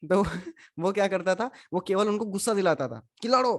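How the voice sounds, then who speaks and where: A man leads a scripture class in a steady, conversational voice. He keeps asking his listeners questions and drops English phrases into his explanations. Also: high-pitched, moderate pace. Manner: questions the audience, mixes in English. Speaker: spiritual teacher. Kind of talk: Gita class lecture.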